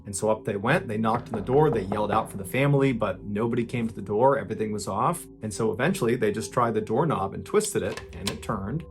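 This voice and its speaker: A man hosting a podcast, telling a dark true story in suspenseful dramatic narration, getting louder at tense moments and dropping low at grim ones. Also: fast talker, hardly any pauses, faint music behind.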